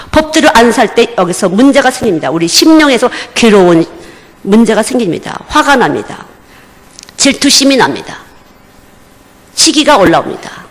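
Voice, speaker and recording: A woman missionary preaching a sermon at a church service, with emphatic, repeated short phrases. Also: medium pitch. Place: church during a Wednesday service. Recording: reverberant church hall.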